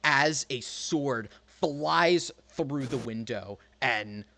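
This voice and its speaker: A man narrating a tabletop role-playing game as game master, halting and suspenseful. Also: mid-range voice, noisy background.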